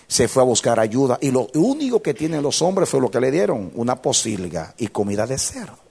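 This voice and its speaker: A pastor in his fifties preaching an impassioned sermon that swings from loud shouting to quiet storytelling. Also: mid-range voice, very animated, a little fast, gravelly, husky.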